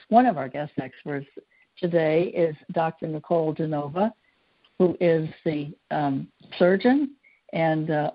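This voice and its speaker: Low-pitched woman radio co-host. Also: no echo, dull audio. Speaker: radio co-host, financial planner. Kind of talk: radio talk show hosting.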